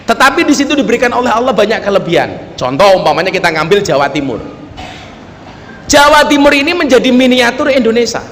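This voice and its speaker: A man's voice: high-pitched, a bit bright, in a large hall, a little hiss or hum. A man preaching a humorous sermon at a public gathering, telling jokey stories and often turning to address the audience directly. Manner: joking storyteller, often turning to the audience with "Pak". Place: public gathering with local officials.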